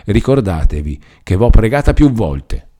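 A man's voice: on the low side, big pitch swings, measured pace, mellow, voice pushed up. A man reading aloud and voicing a grumbling, resentful old woman who scolds and coaxes a frightened girl. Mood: grudging.

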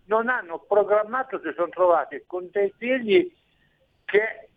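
A man calling in to a radio show, speaking over a phone line in a rambling, hesitant way with many restarts. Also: a little high. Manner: rambling, hesitant, self-correcting. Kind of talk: call-in comment on a radio show.

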